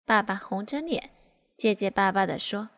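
A woman reading a first-person story aloud at a smooth, even pace. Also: medium pitch, moderate pace.

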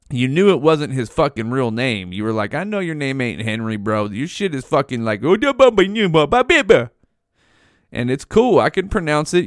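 A man's voice: mid-range voice, dry recording, studio quality. A man hosting a podcast, telling a rambling, heavily profane story in casual slang. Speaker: podcast host.

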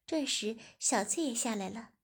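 A woman reads a story aloud in a slightly high, breathy voice, keeping an even, unhurried pace and now and then dropping into a soft whisper.

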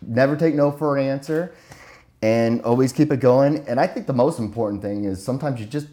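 A man's voice: medium pitch, brisk, mellow. A man hosting a casual interview, affirming and summing up his guest's point. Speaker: podcast host.

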